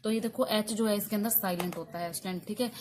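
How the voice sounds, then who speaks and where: A woman's voice: medium pitch, fast, a little mellow, faint music behind. A woman English teacher giving a spoken English lesson in Hindi, explaining silent letters and quizzing her students with repeated questions.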